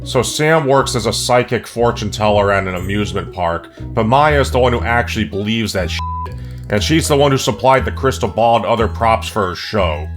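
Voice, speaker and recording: A man's voice: fairly low pitch, moderate pace, faint music behind. Snarky profane male movie reviewer. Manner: snarky, profane, deadpan jokes. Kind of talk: sarcastic comedic movie review narration.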